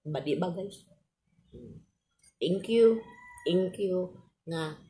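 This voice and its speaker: A middle-aged Filipino woman vlogger with missing front teeth chats casually to her viewers in a polite, halting way, often repeating herself. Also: lowish voice, dark tone. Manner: polite, halting, with frequent repetition.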